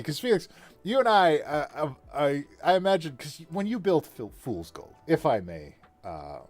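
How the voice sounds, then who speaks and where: A man hosting a casual chat about building a fantasy world, talking in a lively way with frequent laughs and restarts. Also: medium pitch, no room sound. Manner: animated, laughs often, trailing restarts. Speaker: podcast host and worldbuilder.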